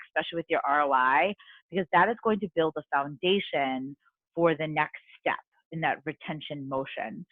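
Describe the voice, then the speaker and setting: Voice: medium pitch, dry recording. A participant in a video call discussion who explains points in an earnest way. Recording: tinny phone-like call audio, dry.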